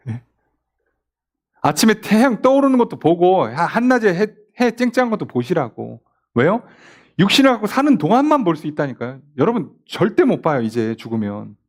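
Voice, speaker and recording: In a casual, talkative Bible study, a pastor whose voice is a little high and darkish keeps asking rhetorical questions. He also plays out the lines he quotes.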